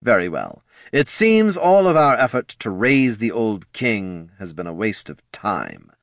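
A man's voice: lowish voice, big pitch swings, a little slow, fairly bright tone, dry recording, clean studio sound, full character voice. A man voicing a skeletal undead lich lord who is imperious, sardonic and impatient.

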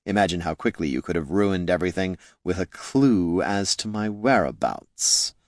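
A man voicing an undead male lich wizard, speaking slowly in a hollow, scornful, condescending way. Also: deep voice, very animated, dry recording, studio quality, exaggerated voice. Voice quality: hollow, slow and drawn-out. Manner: condescending, dryly mocking.

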